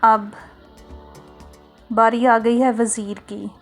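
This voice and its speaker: A woman reading a storybook, voicing a gentle fatherly middle-aged man in a slow, calm, even way. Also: on the high side, exaggerated voice. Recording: soft music underneath.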